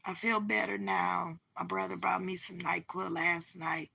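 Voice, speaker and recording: A woman who is losing her voice, speaking in a slow, heartfelt way and often repeating herself for emphasis as she shares a personal story. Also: on the low side, steady tone, vocal fry, sharp tone, husky. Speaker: vlogger. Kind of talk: personal testimony to camera.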